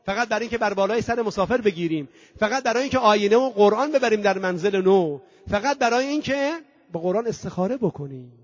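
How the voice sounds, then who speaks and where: High-voiced preacher with dull dry sound. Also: male voice, dry recording. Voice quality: chants scripture in a singing tone; rhetorical questions and long emphatic lists. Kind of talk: mourning-gathering sermon.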